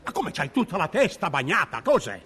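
A man's voice: a little high, big pitch swings, a little fast, a bit bright, a little hiss or hum. An actor playing a bossy, exasperated straight man in a comedy double act, firing insistent questions and echoing words in disbelief. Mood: puzzled, nagging. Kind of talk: comic double-act sketch.

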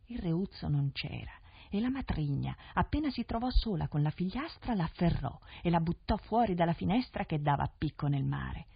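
A woman narrates a fairy tale in an expressive, lilting voice, slightly low with lively pitch and a husky grain. It is a 1970s radio broadcast, and the sound is dull and dry. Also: moderate pace, no echo. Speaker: storyteller.

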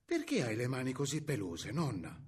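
A man voicing a clever little girl in a fairy tale, speaking in a high, pleading childlike voice. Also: huge pitch swings, moderate pace, darkish tone, breathy edge, exaggerated voice.

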